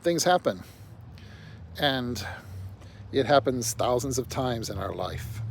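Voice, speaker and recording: A man's voice: medium pitch, slow, creaky. Blunt, rambling older man outdoors. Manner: blunt and rambling, with frequent "you know". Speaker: vlogger. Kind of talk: casual monologue. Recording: faint outdoor traffic noise.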